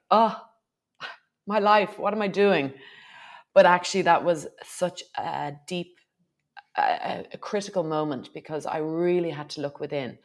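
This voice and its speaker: Irish woman, podcast guest, low-pitched, reflective storytelling, casual interview. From Ireland. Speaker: podcast guest, retreat host and yoga teacher.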